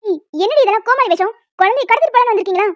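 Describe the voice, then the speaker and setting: A woman voicing a hot-tempered cartoon housewife who scolds in harsh, shouting tirades. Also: extremely high pitch, rapid-fire, dry recording, highs cut off. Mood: angry. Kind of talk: animated cartoon voice acting.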